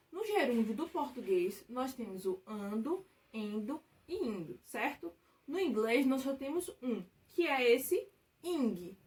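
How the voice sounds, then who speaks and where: High-voiced woman teaching grammar step by step. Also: far from the mic. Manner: patient, step-by-step explaining with frequent check-ins. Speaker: English teacher. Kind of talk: recorded online grammar lesson.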